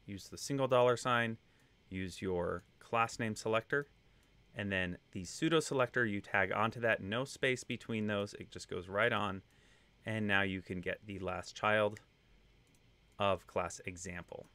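A web testing instructor in his thirties, with a slight Texan accent and a fairly low, smooth voice, explains code a little slowly over a screen-share. His relaxed, conversational delivery is loose with fillers and asides, and the recording is dry.

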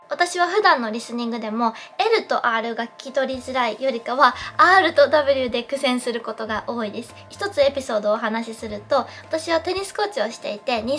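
Higher-voiced woman teaching pronunciation. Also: fairly bright tone. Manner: slow, careful English model phrases; clear explanatory tone. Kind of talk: pronunciation lesson.

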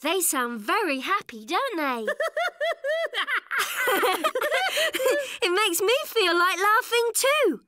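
Squeaky little drawing monster, super high and bouncy, talks slow and gentle to kids. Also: female voice, big pitch swings, no room sound, heavily acted. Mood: cheerful. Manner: slow, gentle and cheerful, speaking to children. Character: friendly little monster who loves drawing, male. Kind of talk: cartoon voice acting for preschoolers.

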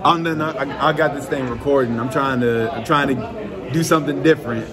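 A man's voice: mid-range voice, fairly quick, crowd noise. A young American man chatting casually and candidly to his vlog camera. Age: young adult. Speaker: amateur comedian vlogger. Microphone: phone at arm's length.

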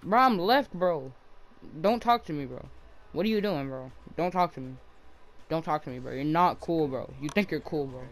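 A man's voice: fairly high pitch, animated, normal speed. A young man casually commenting on his own gameplay, slangy, tacking "bro" onto nearly every line. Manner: slangy, says "bro" constantly. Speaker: gamer.

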